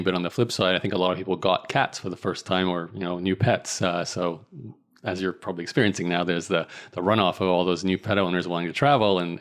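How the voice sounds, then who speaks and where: A man from Australia hosting an interview podcast, chatty and rambling, with frequent restarts. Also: low-pitched. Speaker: podcast host. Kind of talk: casual interview chat.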